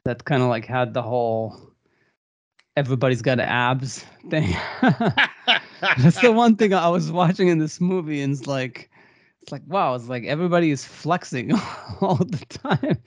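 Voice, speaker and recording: A man's voice: mid-range voice, moderate pace, dry recording. A man co-hosting a podcast in casual chat, rambling with fillers and laughing often. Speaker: podcast co-host.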